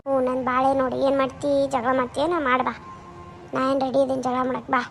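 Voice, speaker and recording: Woman doing a fussy north karnataka kannada mom, high and fast, lectures nonstop. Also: monotone, gravelly, soft background music. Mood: scolding. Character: worried, scolding middle-aged mother. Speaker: skit actor. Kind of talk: comedy skit acting.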